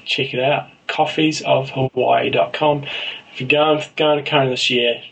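A man's voice: medium pitch, fairly even intonation, moderate pace, gravelly, a bit bright, distant mic, a little hiss or hum, low-quality recording. A man with a New Zealand accent talking casually as a podcast co-host. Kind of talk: casual co-hosted sports chat.

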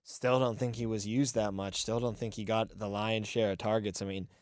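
A man's voice: on the low side, moderate pace, no echo. Opinionated man in dry sports chat. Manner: animated, opinionated, thinks aloud with restarts. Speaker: sports podcast co-host. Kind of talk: casual sports talk.

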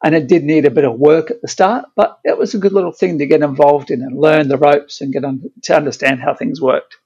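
An Australian man answers interview questions over a delayed satellite audio link, so his voice arrives muffled and lo-fi. His voice is gravelly and husky and sits a touch high for a man. He explains things in a measured way, with plenty of ums and restarts. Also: a little mellow. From Brisbane, Australia. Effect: remote guest heard over a lagging satellite audio link. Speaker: podcast guest, property fund manager. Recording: dull lo-fi satellite audio line.

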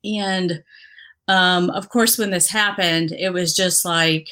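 A woman with a somewhat low voice talks in a candid interview. She is earnest and reflective, and she pauses often with fillers and restarts her sentences. She grew up in the Dominican Republic. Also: steady tone, pushed and bright. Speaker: interview guest, injured former police officer.

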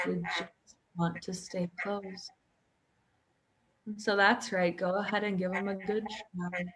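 A woman acting as a hypnotherapist guides a hypnosis session, speaking softly and soothingly in repetitive phrases. Her voice is medium in pitch.

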